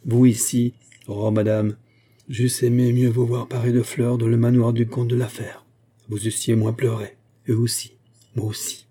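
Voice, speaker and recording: A man's voice: mid-range voice, level tone, normal speed, warm tone, breathy edge, lightly acted. A man voicing a stern veteran musketeer captain in an audiobook, speaking in a somber, coldly reproachful way. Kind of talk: audiobook character reading.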